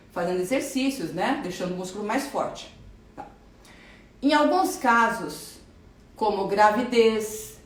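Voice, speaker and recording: A woman plastic surgeon with a Brazilian Portuguese accent who answers viewers' questions in a live stream, talks fast and with enthusiasm, and explains while pointing and drawing. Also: medium pitch. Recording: roomy echo, voice a bit far from the mic.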